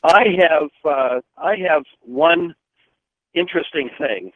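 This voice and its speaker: A man's voice: fairly high pitch, slow pace. A man from Nebraska calling in to a radio show over the phone, asking an earnest question with some hesitation. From Nebraska, USA. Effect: heard over the phone. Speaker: radio call-in caller. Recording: tinny phone line, dry.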